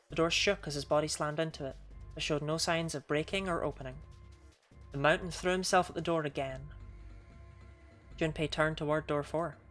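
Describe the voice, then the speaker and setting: A woman streamer reading scripted story narration aloud during a game playthrough. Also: sits low.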